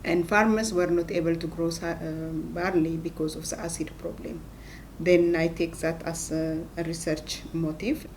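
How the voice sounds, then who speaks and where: A middle-aged woman with an Ethiopian accent speaks about her research in a talking-head interview. Her voice sits low for a woman, and she talks in short, halting phrases. A faint rumble hums behind her. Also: little pitch movement, darkish tone. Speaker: plant scientist and professor.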